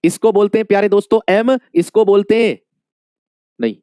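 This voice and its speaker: A man's voice: sits high, moderate pace, warm tone, smooth, no room sound, clean studio sound. A male Hindi teacher giving an exam-prep lesson, calling his students dear friends, asking questions and repeating the answers many times.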